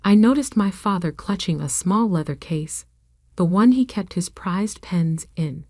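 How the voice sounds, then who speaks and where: A woman narrates a dramatic revenge story in a measured, steady way. Her voice sits a little low and sounds dry and close, with no room around it. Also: no room sound. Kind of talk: scripted first-person story narration.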